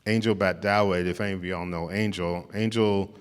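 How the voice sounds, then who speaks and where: A man's voice: deep voice, steady tone, moderate pace, clear, resonant tone, in a large hall. A man giving an informal storytelling talk as a visiting artist, often restarting and saying "like". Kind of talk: storytelling lecture to an audience.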